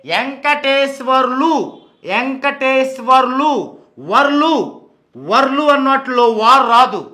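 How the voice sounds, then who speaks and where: A man explaining name sounds, asking and answering his own questions and slowly repeating names to show how they are pronounced. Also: very high voice, sharp tone. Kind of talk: explanatory talk.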